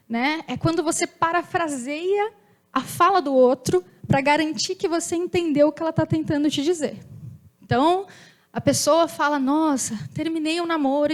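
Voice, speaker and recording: A young woman giving an informal, chatty talk to an audience, with a loud voice, often acting out little dialogues. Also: high-pitched. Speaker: speaker at a company talk event.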